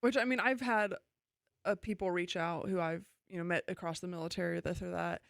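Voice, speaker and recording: A woman co-hosting a church podcast, agreeable and thoughtful, with a gravelly fry in her voice. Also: lowish voice, steady tone, no room sound, studio quality. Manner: agreeable, lots of quick yeahs, thoughtful when she talks longer. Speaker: podcast co-host.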